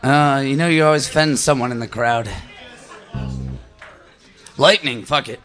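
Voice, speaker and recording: A man's voice: mid-range voice, measured pace, fairly bright tone, soft background music, some chatter behind. A man making casual, joking, crude banter on an open mic stage. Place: live venue.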